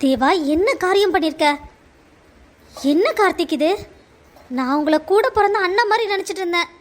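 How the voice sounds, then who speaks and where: A woman's voice: very high-pitched, moderate pace. A woman voicing an anxious, outspoken young wife in a cartoon family drama, emotional and stammering. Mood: indignant.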